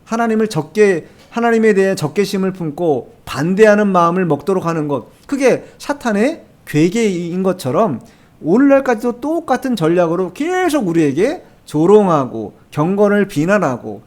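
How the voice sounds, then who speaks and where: A man's voice: sits high, very animated, normal speed, darkish tone. A male pastor preaching a Sunday sermon in church, emphatic, posing rhetorical questions to the congregation and repeating key phrases. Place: church sanctuary.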